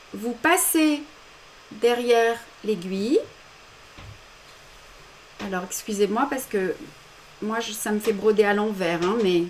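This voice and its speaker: A woman with a French accent giving step-by-step embroidery instructions during a live demonstration, with small self-deprecating asides. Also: on the high side. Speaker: embroidery teacher.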